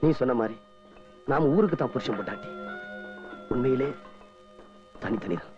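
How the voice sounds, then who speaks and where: Actor playing a wounded orphan husband. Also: male voice, medium pitch, animated, normal speed, close to an everyday voice. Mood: bitter. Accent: Tamil. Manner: bitter, wounded. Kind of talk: Tamil film melodrama. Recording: dull film audio with music.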